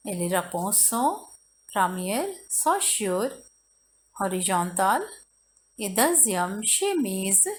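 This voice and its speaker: A woman gives a French lesson at a very slow pace, reading exercises word by word and translating them into broken, non-native English. Her delivery is halting, with a lively rise and fall in pitch. There is faint noise behind her voice. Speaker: French language teacher.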